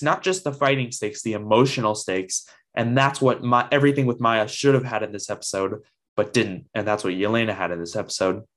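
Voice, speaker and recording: A man's voice: medium pitch, a bit bright. A man reviewing a TV episode in a casual video, praising it with enthusiasm and lots of ums.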